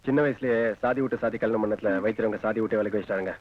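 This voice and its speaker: An actor playing a simple, kind-hearted village helper with a Kongu Tamil accent, talking deferentially and politely. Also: male voice, fairly low pitch, steady tone, racing, natural voice. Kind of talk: film acting. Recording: dull lo-fi film audio.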